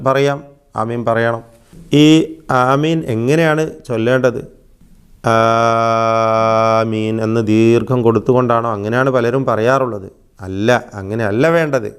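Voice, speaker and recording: Male teacher, patient recitation lesson, smooth resonant tone, drawn-out examples. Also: mid-range voice. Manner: patient explaining, drawn-out demonstrations. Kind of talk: religious lesson.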